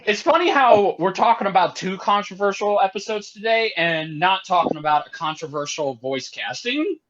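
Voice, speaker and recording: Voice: medium pitch, expressive, moderate pace, a bit bright, lo-fi sound. A podcast co-host in casual chat, joking and mocking themself.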